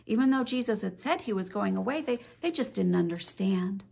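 A woman leading a children's Bible lesson, telling the story in an animated, expressive way for kids. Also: mid-range voice, fairly quick, creaky, breathy edge. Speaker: children's ministry leader.

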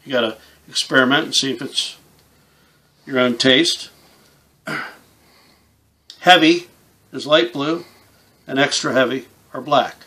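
A man's voice: medium pitch, takes it slowly, long pauses, bright, forceful tone. A man in his fifties giving a casual, plain-spoken hands-on tutorial, explaining things step by step in an informal way. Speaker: instructor, game call maker. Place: small indoor room with camouflage backdrop.

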